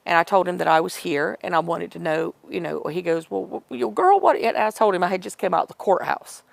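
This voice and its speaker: Speaking fast in a gravelly, fairly low voice with fairly even intonation, a middle-aged woman recounts a personal story as an interview guest. Her retelling is rambling and emotional, with quoted dialogue as she acts out others' words. There's no echo.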